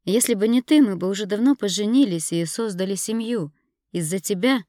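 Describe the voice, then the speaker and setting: A woman's voice: mid-range voice, fairly quick, mellow, no room sound, clean studio sound, voice pushed up, natural voice. A woman reading an audiobook, voicing a spiteful, scornful young woman who mocks and accuses her rival. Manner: mocking, accusing. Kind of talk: audiobook character voice.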